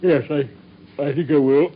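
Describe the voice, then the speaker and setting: An actor playing an earnest, polite English doctor in a radio drama, hesitant and courteous, sometimes stumbling over words. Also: male voice, fairly high pitch, gravelly, breathy edge, exaggerated voice. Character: earnest, polite male doctor, detective's astonished companion. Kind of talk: British radio drama acting. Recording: dull, muffled radio drama recording.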